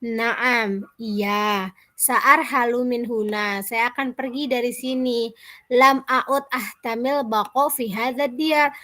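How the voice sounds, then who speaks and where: A woman's voice: a little high, steady tone, slow, pushed and bright. A woman voicing a weary female turtle who is leaving her home. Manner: tired, plain reply.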